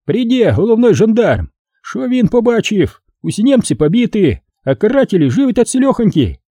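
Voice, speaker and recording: A man voicing a sly older male partisan commissar with a Ukrainian accent and a folksy, animated way of talking in an audiobook. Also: sits high, moderate pace, slightly rough, dry recording, voice pushed up, full character voice.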